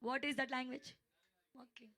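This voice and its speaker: A woman's voice: high voice, flat delivery, extremely slow, bright, forceful tone. A woman interpreting a sermon live, echoing each phrase right after the preacher. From India.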